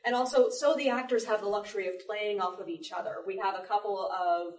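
A woman who works as a live Foley sound artist speaks informally on a panel, presenting to an audience in a public library room. Her mid-range voice is steady and fairly quick, recorded off-mic from a distance so the room sounds roomy.

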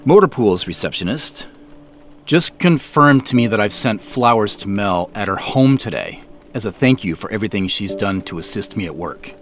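A male actor with a fairly low voice and lively intonation plays an earnest, cautious amateur sleuth, the lead character and narrator of a scripted audio drama. His measured, conversational delivery, earnest and careful in mood, spans first-person narration and naturalistic phone dialogue over background music.

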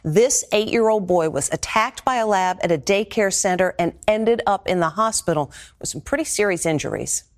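A woman's voice: medium pitch, animated, normal speed, hardly any pauses. A woman news anchor with an American accent, reading scripted broadcast narration.

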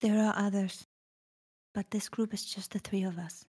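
A woman's voice: medium pitch, flat delivery, normal speed, darkish tone, slightly rough, close to an everyday voice. An earnest young woman adventurer answers politely, voiced by a woman at the table. Her tone stays fairly level and plain.

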